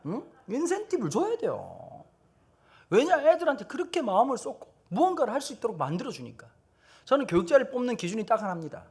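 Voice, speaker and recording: A man's voice: very high voice, huge pitch swings, fast, a little mellow, husky. A middle-aged man with a Gyeongsang Korean accent, preaching at a teachers' seminar with blunt humor and acted-out quotes. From Gyeongsang region, South Korea. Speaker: pastor.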